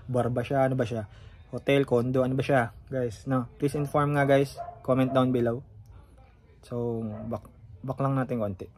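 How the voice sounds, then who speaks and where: A man's voice: mid-range voice, little pitch movement, moderate pace, a little mellow, slight background noise. Guy reacting to a track, casual and chatty, keeps asking the viewers stuff, swears when surprised. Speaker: song reaction vlogger.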